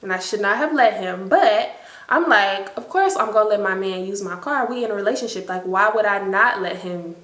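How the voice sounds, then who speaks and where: A woman's voice: medium pitch, normal speed, a bit bright, roomy sound, poor audio. A woman in her late twenties telling a storytime to her viewers in casual chat, chatty and emphatic. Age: late 20s.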